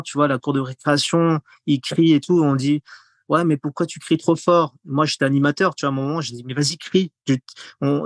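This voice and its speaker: A man's voice: a little high, dry recording, clean studio sound. A man guest on a podcast, talking casually and rambling, with many fillers and repeated words. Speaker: podcast guest, content creator. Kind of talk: casual conversational interview.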